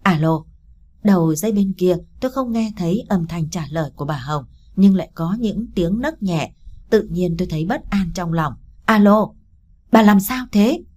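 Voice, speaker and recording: A woman narrating a first-person story as an audiobook, in a steady, emotional storytelling manner. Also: on the low side, brisk.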